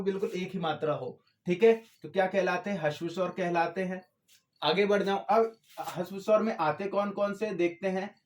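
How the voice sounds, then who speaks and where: High-voiced grammar teacher, repetitive. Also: male voice. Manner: asks questions and answers them himself, repeats key terms; drawn-out syllables to demonstrate vowel length. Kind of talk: classroom-style lecture.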